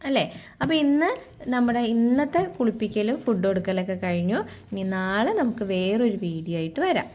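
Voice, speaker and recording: A woman's voice: mid-range voice, a little mellow, a little hiss or hum. A woman hosting a casual pretend-play vlog. She chats with her viewers and keeps asking them rhetorical questions. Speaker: vlogger.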